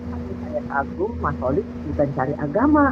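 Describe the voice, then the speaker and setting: A woman's voice: deep voice, big pitch swings, a little fast, dull audio. A woman joining by remote call, speaking in an earnest, admiring way with hesitant fillers. Her call audio keeps breaking up and sounds choppy. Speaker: online call-in participant. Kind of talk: earnest faith talk. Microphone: remote call microphone. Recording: noisy, distant remote call line.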